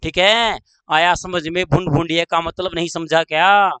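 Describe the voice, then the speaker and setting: A man's voice: a little high, fairly even intonation, pushed and bright, smooth, no echo, low-quality recording. A man teaching a grammar lesson online, drawing out his words, repeating phrases and quizzing his pupils. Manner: slow, drawn-out, repeats phrases and asks pupils questions.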